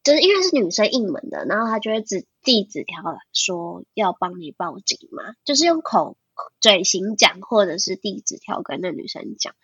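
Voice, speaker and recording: 一位二十多歲、帶台灣口音的女性播客主持人，說話沙啞，語氣隨意，常用口頭禪和重複。. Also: female voice, medium pitch, very animated, normal speed, fairly bright tone, breathy edge, no echo. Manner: chatty, many fillers and restarts, laughs often. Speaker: podcast co-host. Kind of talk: casual podcast chat. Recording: dull, lo-fi podcast audio.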